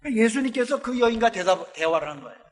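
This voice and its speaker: A man preaching a sermon as a pastor, telling the story with lively acted-out lines from the characters. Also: high-pitched, fast talker. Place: church sanctuary. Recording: long church hall reverb.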